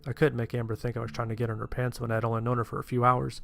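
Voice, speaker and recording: Speaking very fast with vocal fry and a flat, medium-pitched delivery, a man voices a sheltered, nervous young survivor recounting his own story plainly. He sounds sheepish and natural, with music in the background.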